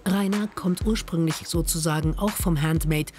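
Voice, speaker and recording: A narrator of a TV documentary, speaking in a lively, playful scripted style. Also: medium pitch, normal speed, noisy background. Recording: voice-over with music.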